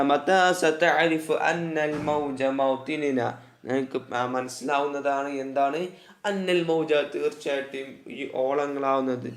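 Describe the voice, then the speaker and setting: Slow-talking Malayali man teaching Arabic. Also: a little high, roomy sound. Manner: reads Arabic lines slowly, then explains each phrase. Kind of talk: online class lesson.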